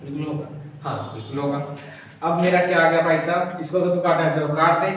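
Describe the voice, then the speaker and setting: A man's voice: a little high, fast talker, a bit bright, far from the mic. A male tutor giving an informal exam-prep lesson, chatty and familiar, asking and answering his own questions. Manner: calls the viewer brother, very familiar. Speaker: physics tutor. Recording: echoey room, faint room noise.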